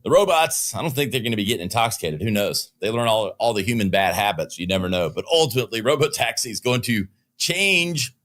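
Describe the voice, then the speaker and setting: Speaking quickly and expressively in a lowish, fairly bright voice, a podcast host from the Southern United States talks business from his studio. His news commentary is opinionated and peppered with jokes.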